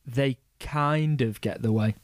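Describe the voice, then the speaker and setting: A man's voice: medium pitch, slow, no echo. A man casually explaining history on a podcast, rambling and swearing, with many restarts. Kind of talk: casual chat.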